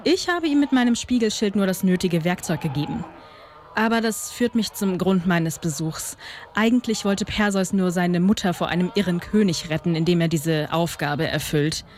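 A woman's voice: fairly low pitch, normal speed, a little mellow, a little hiss or hum, close to an everyday voice. A woman playing a vain, condescending goddess in a comic audio drama, airy and flippant in manner. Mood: condescending, evasive. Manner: flippant, airy, mock-innocent, hesitating over awkward words. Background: music.

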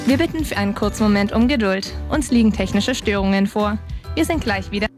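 A woman's voice: mid-range voice, brisk, faint music behind, natural voice. A woman playing a formal broadcast announcer in an audio drama, reading scripted announcements. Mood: composed.

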